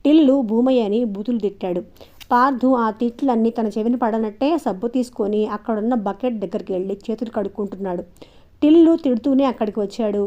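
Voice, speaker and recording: Brief: a woman audiobook narrator, fairly high voice, steady reading, muffled lo-fi sound. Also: fairly quick. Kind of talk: scripted narration.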